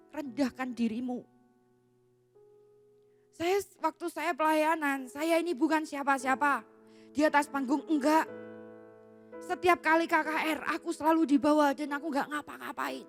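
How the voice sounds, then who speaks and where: High-voiced woman preaching, faint music. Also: moderate pace, pauses often. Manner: casual colloquial preaching, acts out quoted voices. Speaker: youth pastor. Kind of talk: sermon.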